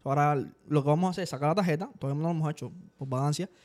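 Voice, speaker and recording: A man chatting casually on a podcast, talking quickly and dropping English words into his Spanish. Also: fairly high pitch. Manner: fast, energetic talk sprinkled with English words. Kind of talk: casual chat.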